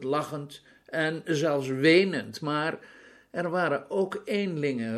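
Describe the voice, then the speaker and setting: A man reading a story aloud in a calm, measured narrating voice. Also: a little high.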